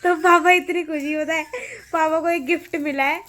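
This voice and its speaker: A woman's voice: high voice, fairly even intonation, normal speed, a bit bright. A young woman chatting casually to her viewers in a family vlog at home, rambling through stories and cooing to a baby now and then. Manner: chatty, rambling storytelling, coos to a baby in between. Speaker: family vlogger.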